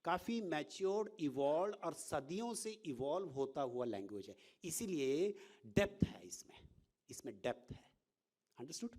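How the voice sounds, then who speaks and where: A male professor giving an informal lecture, animated and often checking in with rhetorical questions, mixing English words into his speech. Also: fairly high pitch, moderate pace.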